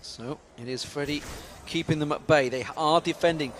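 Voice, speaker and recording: A man giving live play-by-play commentary on an esports match, excitable and climbing in pitch when the action picks up. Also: normal speed, a little hiss or hum. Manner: excitable, rises sharply in pitch during action.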